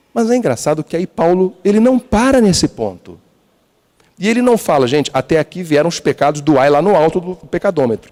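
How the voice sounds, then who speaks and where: A man's voice: fairly high pitch, darkish tone. A man with a Brazilian Portuguese accent preaching a dramatic sermon as a guest preacher, drawing the congregation into call and response. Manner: dramatic, mocks hypocrites in put-on voices, asks the crowd questions. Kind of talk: lively sermon with audience participation. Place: large church sanctuary. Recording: long hall reverb of a church.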